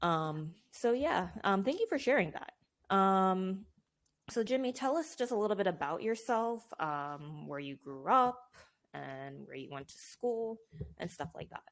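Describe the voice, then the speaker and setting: A woman's voice: mid-range voice, lively intonation, a little slow. A young woman hosting a podcast interview, chatty and casual, with lots of fillers. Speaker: podcast host.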